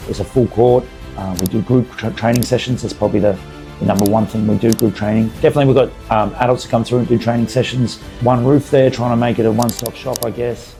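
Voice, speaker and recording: A middle-aged man with a hoarse, croaky voice, talking casually as a podcast guest, with many fillers and restarts. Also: medium pitch, fairly even intonation, fast talker, over music. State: hoarse, voice partly gone. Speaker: podcast guest, basketball facility owner. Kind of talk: casual interview chat.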